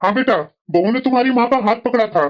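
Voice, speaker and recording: A voice actor playing a fair-minded older father-in-law in a cartoon drama, calm and firm. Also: mid-range voice, quick pace, slight background noise, natural voice. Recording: dull lo-fi audio.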